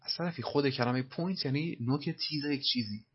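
A man teaching English in Persian, patiently repeating film lines slowly and translating them, on a dull lo-fi recording. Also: medium pitch, husky, faint music behind.

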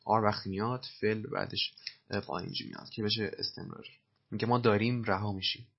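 A male teacher with a low, gravelly and somewhat husky voice walks through English film dialogue. He repeats each word slowly and spells some of them out. The recording sounds a little dull. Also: steady tone.

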